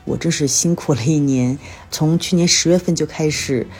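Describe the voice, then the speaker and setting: This deep-voiced woman from China speaks at a normal speed with a slightly mellow tone. She hosts a casual solo podcast, chatting through a life update and everyday stories while sounding a little tired and unwell.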